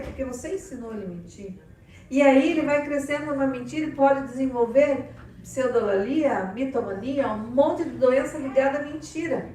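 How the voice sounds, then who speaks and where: A woman with a Brazilian Portuguese accent preaching on family life, animated and playful, acting out little dialogues. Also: on the high side, a little hiss or hum. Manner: animated, playful, acts out quotes. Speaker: church speaker on family life. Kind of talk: lively sermon talk with acted dialogue. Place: church hall. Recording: echoey hall, far from mic.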